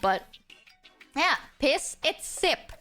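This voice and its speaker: A woman's voice: high-pitched, big pitch swings, drawn-out words, bright, forceful tone, faint music behind. A woman hosting a casual live stream, chatting to viewers in a cute, playful, teasing anime-streamer manner. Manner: giggly, teasing, exclamatory. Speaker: streamer host.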